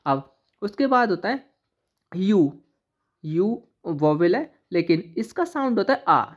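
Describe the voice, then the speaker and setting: A woman teaching an English pronunciation lesson who spells out letters and then says each word slowly and deliberately. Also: mid-range voice, sing-song. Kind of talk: classroom-style lesson explaining pronunciation. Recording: slightly dull, lo-fi recording.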